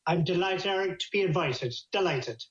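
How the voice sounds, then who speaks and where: A man's voice: high voice, normal speed, fairly bright tone. Lilting Irish storyteller man, echoey call. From Ireland. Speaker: traditional storyteller, guest. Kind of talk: storytelling in conversation. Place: at home, over a video call. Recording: echoey, dull video-call audio.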